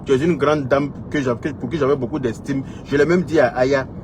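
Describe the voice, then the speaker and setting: A man with an Ivorian French accent lectures an absent rival in a heated online rant. He repeats his points and fires off rhetorical questions, his voice sitting at an ordinary middle pitch. A faint hum of noise stays in the background. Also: steady tone, a little fast. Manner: scolding, repetitive, rhetorical questions. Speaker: social media commentator. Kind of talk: heated direct-address rant.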